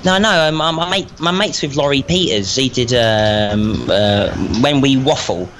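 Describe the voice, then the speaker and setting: A man's voice: mid-range voice, measured pace, fairly bright tone. A man chatting casually as a guest on a call, rambling and swearing freely. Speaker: phone-in guest. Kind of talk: casual chat. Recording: noisy remote call.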